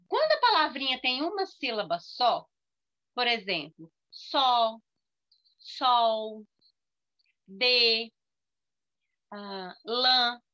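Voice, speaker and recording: A woman's voice: high-pitched, bright, forceful tone. A woman, teaching young children in an online class. She patiently stretches each word out syllable by syllable. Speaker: primary school teacher. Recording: dull, lo-fi video call audio.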